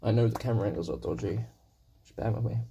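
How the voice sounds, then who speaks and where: Painting on a live stream, a young man nursing a sore throat rambles to his viewers in a self-deprecating way. He speaks quickly in a warm, lowish voice that's husky and gravelly, and the recording is muffled with slight background noise.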